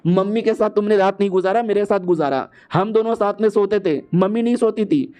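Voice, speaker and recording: A man's voice: sits high, brisk, dark tone, clear, resonant tone, close to an everyday voice. A man voicing a mischievous little boy who pleads and whines in an anime recap.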